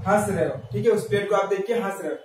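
A man's voice: high-pitched, fast talker, a little mellow, far from the mic. A man giving an exam-prep lesson on memory tricks, asking questions and answering them himself while repeating key words. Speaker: teacher. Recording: very echoey room, voice from off mic, faint ambient noise.

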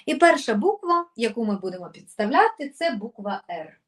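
An actress leading a diction workshop, chanting syllable drills with strongly exaggerated, punchy articulation. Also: female voice, fairly high pitch, sing-song, fairly quick, far from the mic. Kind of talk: articulation exercise lesson.

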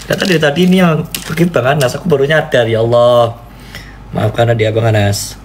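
A man preaching and chatting on a live stream, playfully pleading and jumping into squeaky high cries, with a faint hiss behind him. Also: steady tone, brisk. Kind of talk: casual live-stream chat.

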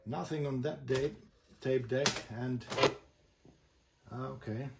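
A man giving an informal, step-by-step product demonstration as a host, speaking haltingly in short phrases. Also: medium pitch, steady tone, gravelly. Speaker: host demonstrating vintage boomboxes. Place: indoor room with a table of boomboxes. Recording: echoey room, loud noise, mechanical clicks.

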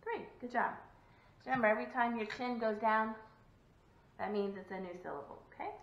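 A woman's voice: fairly high pitch, fairly quick, vocal fry. A woman teacher giving a video lesson to young children, encouraging and sing-song, clapping out syllables. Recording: echoey room, dull lo-fi sound.

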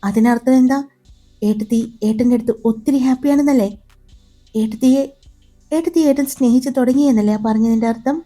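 A woman's voice: on the high side, fairly quick, long pauses, dark tone, faint music behind, close to an everyday voice. Woman reading a confident young sister-in-law. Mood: reassuring. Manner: explanatory, confident.

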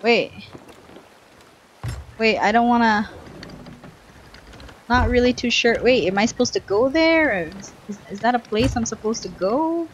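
A woman's voice: on the high side, measured pace, long pauses, lo-fi sound, slight background noise. A young woman giving casual live gameplay commentary on a headset mic, chatty and thinking aloud in short bursts. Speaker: game streamer. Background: faint game music.

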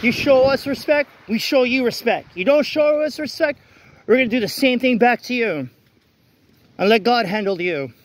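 A man's voice: extremely high pitch, expressive, moderate pace. A man vlogging outdoors on a wet city street at night while walking, talking bluntly and ranting with many restarts. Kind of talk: walk-and-talk vlog rant. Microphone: phone held while walking.

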